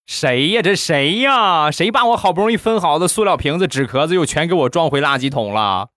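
Guy putting on an outraged middle-aged cleaner, voice jumps way up high, loud. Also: lively intonation, fairly quick, no room sound. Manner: outraged, complaining. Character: middle-aged male cleaner, indignant and shouting.

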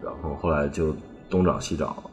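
On a ghost-story podcast, a storyteller with a very low, deep voice tells an eerie tale in a casual, rambling style at normal speed. His tone stays steady as he strings clauses together with "then" and keeps repeating phrases, while faint music plays softly underneath.

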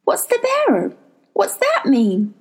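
A headstrong young girl, bold and blunt-spoken, as a woman puts her on in a storybook. The voice jumps high and sounds slightly husky. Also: huge pitch swings, measured pace, a little mellow, full character voice.

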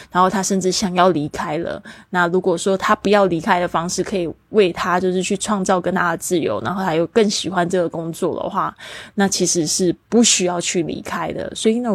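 A woman hosting a language lesson podcast, explaining new words and spelling them out slowly. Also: on the low side, husky, dry recording. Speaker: English teacher.

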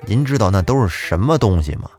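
A man's voice: on the low side, lively intonation, fast, a little mellow, breathy edge, faint music behind. A man telling a folk tale in a chatty way, speaking directly to the listener. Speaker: storyteller.

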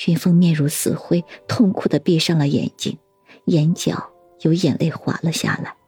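A woman narrating a suspense story audiobook in an even, measured way. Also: low-pitched, husky, no room sound, faint music behind.

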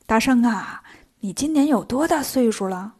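A woman voicing a kindly old village grandpa in a children's story, speaking slowly and drawn out. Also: on the high side, expressive, darkish tone, husky. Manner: slow, drawn-out old man's speech.

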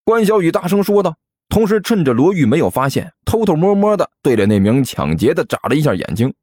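Lively male audiobook narrator. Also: on the high side, a little fast, dry recording. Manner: lively, expressive storytelling.

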